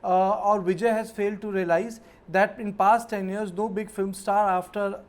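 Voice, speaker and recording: A man comments live on a news panel. His delivery is measured and takes a roundabout path to each point. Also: high-pitched, fairly even intonation.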